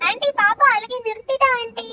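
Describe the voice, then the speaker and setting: A woman's voice: extremely high pitch, brisk, over a noisy crowd. A woman voicing an eager chatty little girl. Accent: Tamil. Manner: eager, keeps calling out for aunty. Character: excited little girl helper, chatty and nosy.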